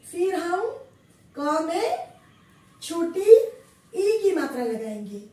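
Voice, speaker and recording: A woman teaching at a very slow, patient pace, repeating each syllable. Her voice sits very high. It rings in a strongly echoing room, heard from some distance. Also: sing-song, warm tone. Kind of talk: slow classroom explanation.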